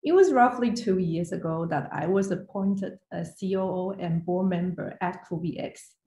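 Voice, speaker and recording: Here a guest speaker from Taiwan, a finance executive, presents prepared material during an online session. Her pitch sits fairly low and her tone is dark, while her speed stays normal. Recorded in an indoor room over a video call, the sound is roomy with noticeable echo.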